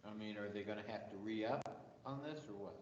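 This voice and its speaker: A man's voice: lowish voice, a little fast, darkish tone. Man, committee member, blunt skeptical questions, big hall echo, muffled sound. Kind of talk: meeting discussion. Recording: big echoey hall, dull sound, faint hiss.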